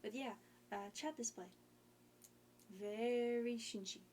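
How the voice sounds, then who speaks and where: Young woman streamer, slow unhurried chat, slightly high voice, meandering with many ums. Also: fairly even intonation, darkish tone, slight background noise. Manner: rambling, hesitant, many fillers. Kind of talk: casual chat.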